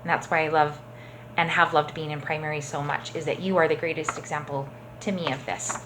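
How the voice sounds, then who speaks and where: Gentle woman teaching children. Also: deep voice, fairly even intonation, brisk, a little hiss or hum, rough recording. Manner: gentle, encouraging, checks in with "okay?". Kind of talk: storytelling lesson for children.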